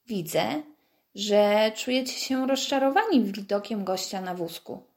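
A friendly, good-humoured bearded man speaks with easy calm, as a woman reads his lines. He sounds patient and unruffled, a gentle athlete in a storybook. The delivery stays steady and warm-hearted. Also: mid-range voice, a little slow. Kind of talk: storybook reading.

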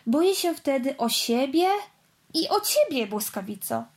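A woman's voice: sits high, sing-song, unhurried, exaggerated voice. A woman voicing a grumpy young boy race car in a storybook, sulky and complaining. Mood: earnest. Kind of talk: storybook read-aloud.

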